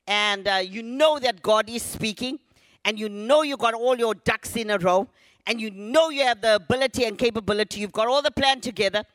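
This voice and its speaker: High-voiced preacher, bright tone. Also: male voice, no echo. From Zimbabwe. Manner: emphatic, calls on the congregation to repeat lines. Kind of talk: sermon.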